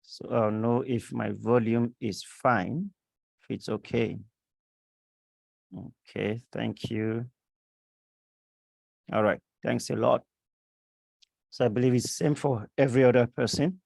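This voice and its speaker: Slow gravelly man with a sore throat. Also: medium pitch, fairly even intonation, a little mellow, dry recording. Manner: slow, halting, many fillers. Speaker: online coding instructor. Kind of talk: live online class lecture. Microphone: computer mic on a video call.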